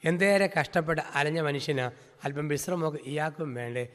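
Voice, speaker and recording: A man's voice: fairly high pitch, a little fast, a bit bright, big-room sound, natural voice. A man, a priest, voicing a weary middle-aged wife in a sermon story, speaking in a dry, matter-of-fact way. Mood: blunt.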